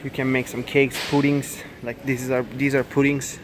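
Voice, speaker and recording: A Turkish man in his twenties vlogs a casual walk-through of a large indoor supermarket, filming on a handheld phone amid busy store ambience. His mid-range voice is flat, and his Turkish-accented English is hesitant and halting, full of fillers and self-corrections. Background noise is present.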